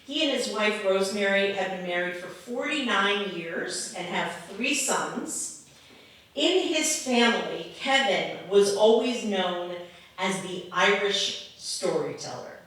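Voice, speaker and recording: Woman, event host, live stage introduction, bright projecting voice, strong auditorium echo. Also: medium pitch, expressive, takes it slowly. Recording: very echoey auditorium, noisy, distant.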